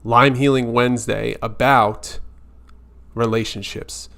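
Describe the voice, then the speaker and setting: A man's voice: mid-range voice, fairly even intonation, slow, creaky, a bit bright. A man hosting a weekly live stream, talking casually and earnestly, reassuring viewers directly.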